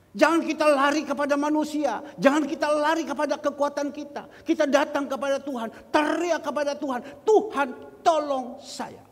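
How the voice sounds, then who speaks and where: A male pastor with a very high voice delivers a sermon in a church hall. His voice carries a long reverb from the room around him. He talks straight to the congregation and slows right down whenever he quotes scripture. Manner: addresses the congregation directly, quotes scripture slowly.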